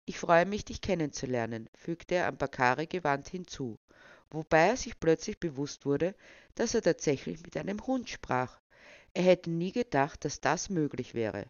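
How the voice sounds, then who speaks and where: A storyteller reading a short story aloud in an even, measured way. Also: medium pitch, no echo. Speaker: narrator. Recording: dull, dry recording.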